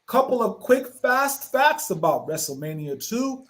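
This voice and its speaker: A man's voice: extremely high pitch, big pitch swings, unhurried, fairly bright tone. A man hosting a wrestling podcast, leading his panel with an emphatic, showman-style delivery. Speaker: podcast host. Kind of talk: casual podcast chat.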